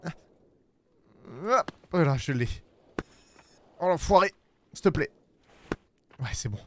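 Guy streaming a climbing game, fairly high bright voice, cusses a lot, yells at the birds, bit of game music behind. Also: expressive, slow, a little hiss or hum. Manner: swears freely and shouts at game animals; talks to his chat viewers. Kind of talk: casual gameplay commentary.

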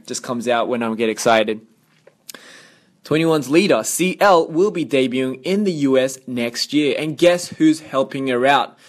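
A young man from Australia with an Australian accent, hosting a casual radio show in a chatty, upbeat way with playful sound effects on a studio microphone. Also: mid-range voice. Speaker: radio host.

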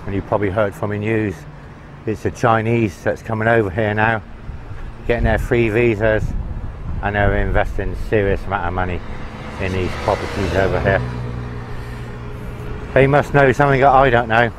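A travel vlogger with a lowish voice walks along a busy city roadside, chatting to viewers and sharing his opinions as traffic rumbles behind. He talks at normal speed with long pauses, recorded on a handheld camera mic.

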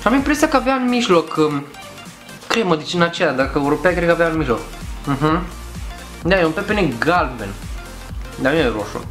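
A man vlogging a casual taste test while chewing gum, talking in excitable bursts of exclamations. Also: on the high side, brisk, pauses often, faint music behind.

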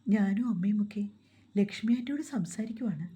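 A woman voicing a shy, heartbroken young wife in a storybook reading, speaking softly and hesitantly. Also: medium pitch, brisk, natural voice. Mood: timid. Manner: soft, timid and hesitant.

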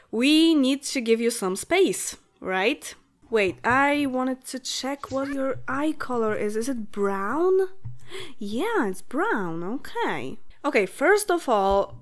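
A woman in her late twenties, Polish by birth, talks through a game in English as a relaxed let's-play host. Her voice sits somewhat high and she speaks at an unhurried pace. She thinks aloud in a chatty way and giggles often. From Poland. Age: late 20s. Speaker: gaming channel host.

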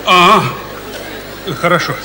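An actor on a comedy stage playing a frazzled patient who shouts his words in exasperation. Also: sits high, unhurried, in a large hall, a crowd in the background, low-quality recording. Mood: confused.

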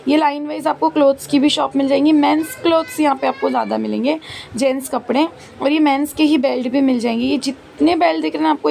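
A woman with a high, slightly mellow voice and vocal fry vlogs a walking tour of a busy street market, shooting on her phone. She chats and lists prices as she goes, and street noise and market ambience fill the background.

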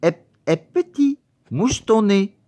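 A man voicing a fussy, pedantic grown-up professor who talks to a boy in high singsong baby talk. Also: lively intonation, takes it slowly, warm tone, no echo. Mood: cooing.

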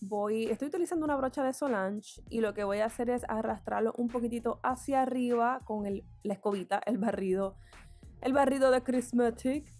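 Woman beauty vlogger, fairly high voice, candid step-by-step chat. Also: a little fast, a little mellow, soft background music. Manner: candid, chatty, explains each step. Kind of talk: get-ready-with-me makeup tutorial chat.

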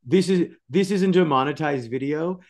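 Animated man hosting a video call interview. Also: fairly high pitch, moderate pace. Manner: animated, expressive, excitable. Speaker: interview host. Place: home studio with colored light strips.

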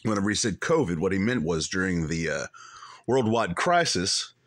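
A man commenting on a played-back stream, calmly cutting in to rebut what was said. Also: sits low, no echo, clean studio sound. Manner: measured, skeptical, cuts in to rebut. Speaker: commentator reacting to a clip. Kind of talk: dry reaction commentary.

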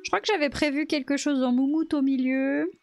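A woman's voice: high voice, steady tone, fairly quick, soft background music. A woman live streamer chatting casually with her chat while she models in 3D, laughing often.

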